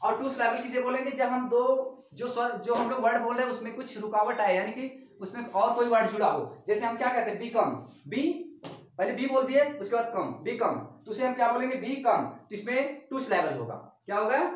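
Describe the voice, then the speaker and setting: A woman's voice: on the high side, expressive, brisk, slight background noise. Echoey woman teacher explaining grammar. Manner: repetitive, asks rhetorical check-questions. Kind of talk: classroom grammar lesson. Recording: echoey room, voice far from mic.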